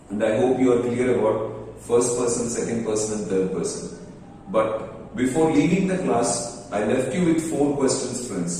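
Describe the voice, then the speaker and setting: A man's voice: medium pitch, dark tone, distant mic, a little hiss or hum. Telugu-accented man teaching in an echoey hall. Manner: motivational, mixes Telugu and English, slow emphatic English phrases. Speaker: English teacher. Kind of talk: exam-prep lesson.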